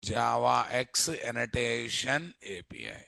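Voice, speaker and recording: A man's voice: medium pitch, big pitch swings, slow, creaky, bright, forceful tone, no room sound, studio quality. An Indian-accented man teaching programming in a live coding lecture, repeatedly quizzing his listeners with questions. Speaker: programming instructor.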